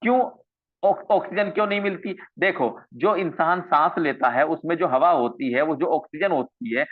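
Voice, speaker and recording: A man's voice: on the high side, moderate pace. Man lecturing over tinny phone-like audio. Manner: repeats key terms and asks rhetorical questions. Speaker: medical college teacher. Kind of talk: online coaching lecture.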